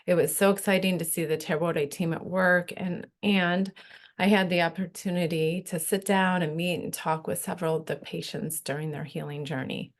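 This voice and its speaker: A woman, a nonprofit executive director and midwife, giving an earnest, measured presentation at a virtual event. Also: fairly low pitch, steady tone.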